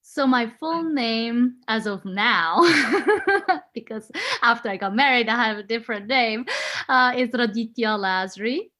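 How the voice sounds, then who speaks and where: A guest in a casual interview, this Swiss woman in her forties speaks Swiss German and German as first languages. Her voice is a little high, pushed and bright, a touch slow, and she stays friendly, laughing often while searching for words.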